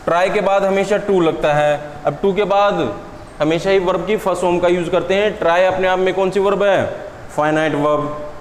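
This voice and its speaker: A man teaches an exam-prep class. His voice sits high, and he answers his own rhetorical questions. The classroom recording echoes with a long tail, and a faint hiss sits underneath. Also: fairly even intonation. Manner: asks students questions and answers them himself; stresses English words slowly and deliberately. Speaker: English teacher. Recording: echoey room with long reverb and faint noise.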